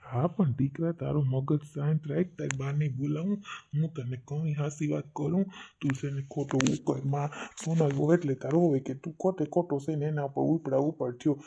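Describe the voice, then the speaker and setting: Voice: medium pitch, steady tone, a little fast, creaky, dark tone, a little hiss or hum, lightly acted. A performer doing a stern old village father. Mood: soothing. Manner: lecturing, scolding. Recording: dull lo-fi recording.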